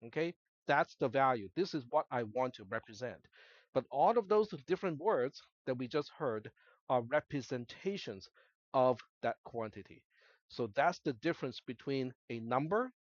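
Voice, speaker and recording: Lo-fi and dry, the screen recording captures a male college instructor, a native Cantonese speaker, teaching in a classroom. He uses a medium pitch, explains things step by step, and keeps checking in with short tag questions.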